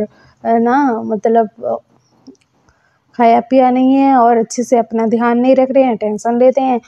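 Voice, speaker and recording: A woman casually telling a fan-fiction story in a rambling, halting way, with many fillers, recorded on a phone. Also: on the high side, warm tone. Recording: muffled lo-fi audio.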